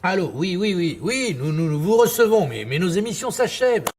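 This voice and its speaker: A man's voice: high voice, very animated, fairly quick, a little mellow, slight background noise. A man acting a tender, grandiloquent late-night radio host in a theatrical, lyrical manner, easily flustered. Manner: effusive, lyrical, repeating words when flustered. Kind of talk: theatrical stage monologue as radio sign-off.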